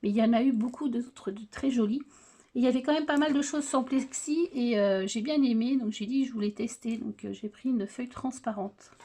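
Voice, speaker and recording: A woman's voice: a little high, a little fast, mellow. A middle-aged woman in casual chat, showing off her craft purchases on her video channel and talking hesitantly, with many filler sounds and restarts. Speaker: scrapbooking vlogger.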